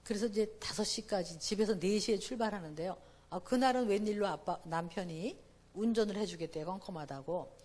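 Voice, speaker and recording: At a church family seminar, a middle-aged woman talks about parenting and shares personal stories, speaking at a medium pitch and a slightly fast pace. She moves from hushed asides to loud, emphatic exclamations, acts out dialogue, and gets the audience to repeat phrases back to her.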